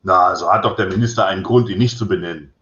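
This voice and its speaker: A plain-spoken police inspector who gets indignant quickly and says things straight out, as a man reads him aloud. His voice is low, with a roomy, slightly dull sound around it. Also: fairly bright tone. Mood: blunt, indignant.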